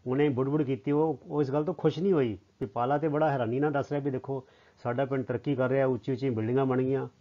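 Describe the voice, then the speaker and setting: A man's voice: mid-range voice, fairly even intonation, quick pace. A man with a Punjabi accent, a teacher explaining a lesson to children word by word and asking them questions, on a slightly dull lo-fi recording.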